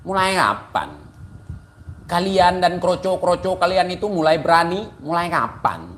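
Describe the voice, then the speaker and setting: A man's voice: sits high, big pitch swings, measured pace, fairly bright tone, slight background noise. A man giving a ranting, taunting commentary, mocking and insulting his target.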